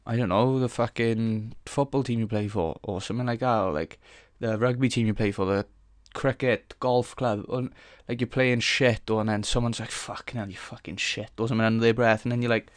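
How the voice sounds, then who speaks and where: A young man talks through a casual solo podcast, frank and sweary, circling back on his thoughts with fillers and half-finished starts. His voice is smooth and resonant, sitting in a middle pitch. It is recorded close and dry, with no room sound. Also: fairly even intonation, brisk, few pauses, no echo. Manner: frank, rambling, heavy swearing; earnest, thinks aloud with fillers and restarts. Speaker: podcast host.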